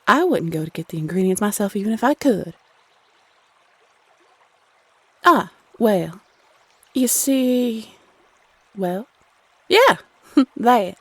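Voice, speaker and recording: A woman's voice: medium pitch, big pitch swings, slow, pauses often, slightly rough, dry recording, exaggerated voice. A woman playing a playful, teasing Cupid, a bossy love goddess who chats sassily and uses pet names in an audio roleplay. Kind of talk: scripted audio roleplay addressed to the listener.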